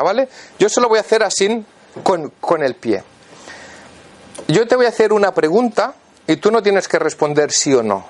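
A man walks a volunteer through a demonstration in front of an audience. His voice sits high and swings up and down. He keeps checking in with short questions as he gives each instruction. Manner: instructive, checks in constantly with "vale". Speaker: therapist leading a live demonstration.

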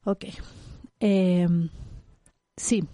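Animated woman, dark warm voice. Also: lowish voice, very slow, dry recording, studio quality. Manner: animated, explains with acted-out examples. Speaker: psychologist guest. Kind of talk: conversational expert interview.

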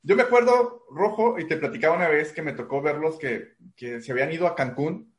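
A man's voice: a little high, a little fast. A man, hosting a casual interview in a friendly, teasing way. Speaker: host. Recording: roomy echoing room.

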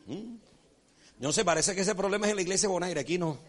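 A man preaching a sermon as pastor, folksy and animated, acting out characters and checking in with his congregation. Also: high voice, rapid-fire, soft background music. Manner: repeats rhetorical check-ins with the congregation.

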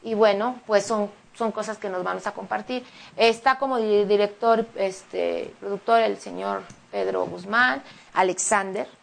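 Mexican lady talking about her acting, bit of a gravelly fry in her voice, chatty and emotional. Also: mid-range voice. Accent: Mexican Spanish. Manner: chatty and emotional, quick animated retelling. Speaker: interview guest, singer and actress. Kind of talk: casual interview chat.

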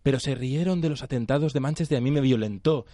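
Man, radio host; quick, chatty, restarts sentences; dry studio sound. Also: mid-range voice, mellow, no echo. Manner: rapid, chatty, self-interrupting. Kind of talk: casual studio chat.

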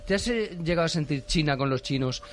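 High-voiced teasing radio host, a man. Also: lively intonation, fast talker. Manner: teasing, joking banter. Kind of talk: casual radio chat.

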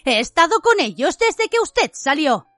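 A woman reading aloud voices a stern, bossy older school nurse who scolds in a high, indignant tone. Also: sing-song, measured pace, fairly bright tone, dry recording, soft background music, heavily acted. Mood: shrill.

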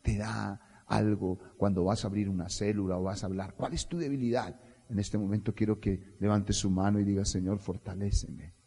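Colombian pastor preaching in a reverberant hall. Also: male voice, lowish voice, fairly even intonation, moderate pace, mellow, slightly rough. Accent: Colombian Spanish. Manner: rousing preaching with call-and-response. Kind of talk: sermon. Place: church hall. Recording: long reverb of a church hall.

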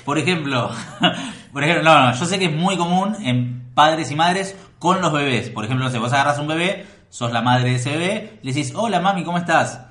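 A man, a podcast guest who talks loudly and tells stories in an animated way. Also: on the high side, moderate pace, echoey room. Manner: loud, animated storyteller. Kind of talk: casual comedic chat.

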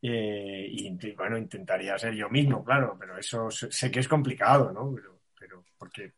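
A man's voice: on the low side, moderate pace, breathy edge, rough recording. A man with a Spain accent chatting as a panelist, hesitantly repeating words as he builds a thought. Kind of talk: casual panel chat.

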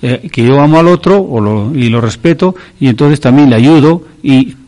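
A man hosting a religious talk program, asking questions and summing up points in a measured, thoughtful way with some hesitations. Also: mid-range voice, animated, mellow.

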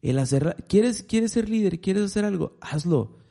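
Casting: man, animated storyteller, warm low-key tone, casual faith talk. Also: moderate pace, creaky. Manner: animated storyteller, acts out quotes.

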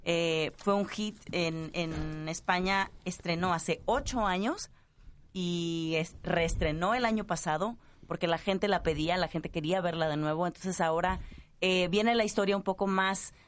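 A woman, a stage actress, chatting as a guest, often pausing with fillers to find her words. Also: fairly low pitch, a little hiss or hum. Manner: hesitant, searching for words. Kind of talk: casual interview chat.

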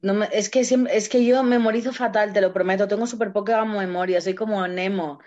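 A woman's voice: medium pitch, fairly even intonation, fairly quick, a little mellow. A woman who is a guest on a casual game show, giggly and self-deprecating. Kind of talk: casual chat. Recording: dull lo-fi sound.

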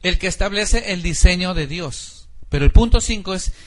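Predicador de voz aguda y exhortativa. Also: male voice, high-pitched, animated, normal speed, a bit bright. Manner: exhorting, asks the congregation to repeat and underline. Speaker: pastor. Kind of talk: sermon.

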